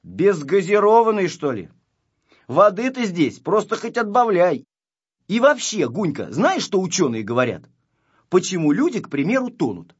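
A man's voice: sits high, sing-song, moderate pace, breathy edge, pitched above the performer's own voice, full character voice. A man voicing a cocky, boastful little boy shorty who talks confidently and bossily, on a slightly dull recording. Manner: confident, bossy.

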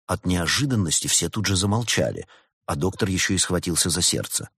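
A man reads a story aloud in a low, husky voice, lively as he tells it. His pitch moves a lot within the telling. The recording is close and dry with no room sound. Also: a little fast, no room sound. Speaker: narrator. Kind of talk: audiobook narration.

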